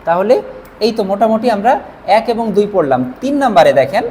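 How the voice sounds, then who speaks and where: A woman whose first language is Bengali teaches a language class, writing as she talks and repeating each reading slowly and patiently. Her voice sits at a middle pitch for a woman. A faint hiss of background noise runs under the recording. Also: very animated, dark tone. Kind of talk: whiteboard language lesson.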